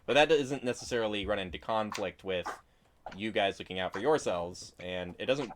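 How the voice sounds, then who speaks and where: A man's voice: lowish voice, normal speed, a little hiss or hum. A man acting as game master, improvising tabletop narration in a casual, hesitant, explanatory way.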